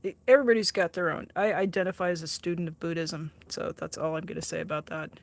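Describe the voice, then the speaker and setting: A woman in her sixties talks fast in a lowish, steady voice while reading viewer chat on her art livestream. Casual and chatty, she laughs a lot, is self-deprecating, and often restarts what she's saying.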